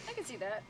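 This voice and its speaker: An actress playing an amused fellow passenger on a flight, answering softly. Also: female voice, mid-range voice, noisy background.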